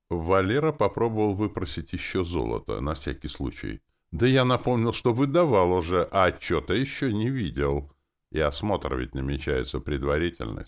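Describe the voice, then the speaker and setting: A man narrates a story in the first person with a very deep voice and a gravelly grain. His reading is wry and expressive, and his pitch swings widely. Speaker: audiobook narrator.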